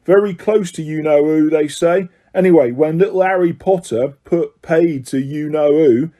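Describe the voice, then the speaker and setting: Man doing a high, gossipy bus conductor for an audiobook; excitable chatter. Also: normal speed, close to an everyday voice. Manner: gossipy, breathless, dramatic.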